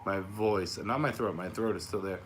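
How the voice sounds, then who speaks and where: His deep, slightly raspy voice is starting to fail after an illness as he talks at a normal speed to viewers of his live Q&A. The young host rambles through stories, frank and casual, swearing freely. He is in an upstairs room at home, with clearly audible background noise.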